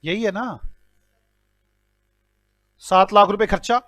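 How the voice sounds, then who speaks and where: High-voiced teasing male teacher. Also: slow, fairly bright tone, dry recording. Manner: teasing, joking with students while calculating aloud; mixes English numbers into Hindi speech. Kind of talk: classroom lecture solving problems.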